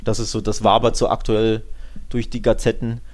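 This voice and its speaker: In casual sports podcast conversation, this co-host of a football show speaks at normal speed in a lowish, monotone, somewhat mellow voice. He frequently tags quick questions onto what he says.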